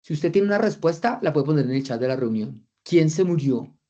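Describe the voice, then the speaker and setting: Trainer with a mellow voice on a call. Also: mid-range voice, animated, a little fast, highs cut off. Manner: engaging, reads chat replies aloud, rhetorical questions. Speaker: trainer of a virtual course. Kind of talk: interactive online lecture. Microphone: video call.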